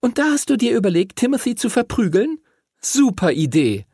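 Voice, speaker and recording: A man's voice: sits high, very animated, moderate pace, a little mellow, slightly rough, dry recording, clean studio sound, pitched above the performer's own voice, heavily acted. A man voicing a fiery, outspoken young schoolgirl who scolds her friends sharply. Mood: scolding.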